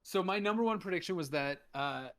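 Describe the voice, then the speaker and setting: A man's voice: high-pitched, lively intonation, a little fast, a bit bright. A young man co-hosting a casual fan podcast, rambling through his ideas with jokes and casual swearing. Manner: rambling, jokey, casually profane. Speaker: podcast co-host. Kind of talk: casual chat.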